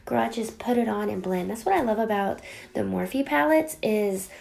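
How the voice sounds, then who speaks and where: A young woman with a raspy voice from a cold, chatting playfully and dramatically through a makeup tutorial, sometimes dropping to a whisper. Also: medium pitch, moderate pace, darkish tone. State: getting over a cold. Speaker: beauty vlogger. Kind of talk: casual makeup tutorial chat.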